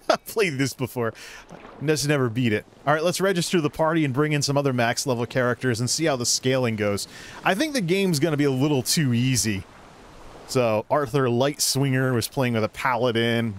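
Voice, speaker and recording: A man talks through a game in a casual, thinking-aloud way. His pitch is average for a man and he wanders from point to point, with a little background noise on the recording. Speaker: gaming video creator. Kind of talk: casual gameplay commentary.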